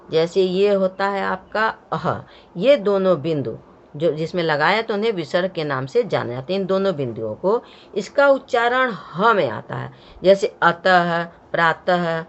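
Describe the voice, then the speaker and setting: A woman teaching a grammar lesson at a very slow, careful pace, her voice sitting low. She explains step by step and sounds out each letter. The recording is muffled and lo-fi.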